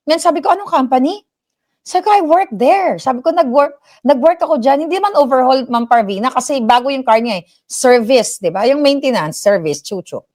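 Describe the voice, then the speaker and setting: Chatty Filipina storyteller, animated. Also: female voice, on the high side. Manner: animated, mixes English into Tagalog, acts out quoted voices. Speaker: livestream commentary host. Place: home in the United States.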